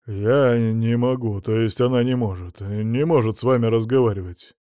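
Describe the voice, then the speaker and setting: A man's voice: mid-range voice, slow pace, dark tone, dry recording, clean studio sound, close to an everyday voice. Man doing a stammering, flustered businessman. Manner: stammering, confused. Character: flustered middle-aged male businessman.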